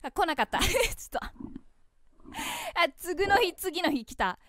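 Lively high-voiced woman reacting to horror game. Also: slow, a little hiss or hum. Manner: animated, jumpy, refers to herself by name. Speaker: game streamer. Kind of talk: horror game let's play commentary.

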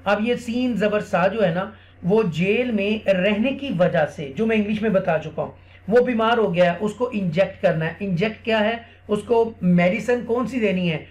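A man teaching other Quran teachers a classroom technique in a screen-recorded tutorial. He explains step by step, often checks in with "theek hai", and reads English lines slowly and deliberately. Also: high-pitched. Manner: slow, deliberate English read-aloud.

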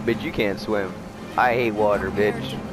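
A young man giving profane let's play commentary, muttering low and then shrieking in panic. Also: steady tone, unhurried, over music. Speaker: gamer.

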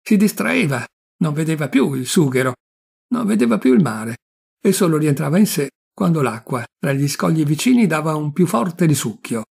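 A man narrating a classic short story in a measured, expressive reading. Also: on the high side, gravelly, slightly rough. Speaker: audiobook reader. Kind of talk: literary narration.

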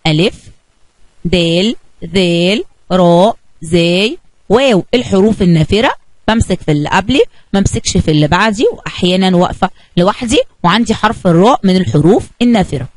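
A woman with an Egyptian Arabic accent, teaching kindergarten children by telling a story and asking questions in an animated way. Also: on the low side, a little fast, no echo, low-quality recording. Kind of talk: children's lesson narration.

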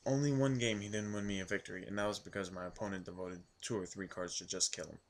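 A man with a hoarse, worn voice from yelling, recapping a card game event in a casual, rambling vlog full of ums and restarts. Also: sits low, steady tone, quick pace.

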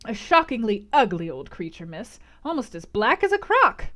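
A plain-spoken footman, respectful but blunt as he reports to the gentry, as a woman reader voices him. The delivery is plain and matter-of-fact, with some lively turns. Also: fairly high pitch, normal speed.

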